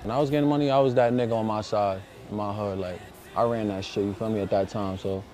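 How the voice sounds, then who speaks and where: A man's voice: fairly low pitch, steady tone, fast, a little mellow. A young man, born in Brazil and raised in Harlem, talking about his past in street slang, often adding "you feel me". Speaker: rapper. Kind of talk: casual interview talk. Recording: faint music behind the voice.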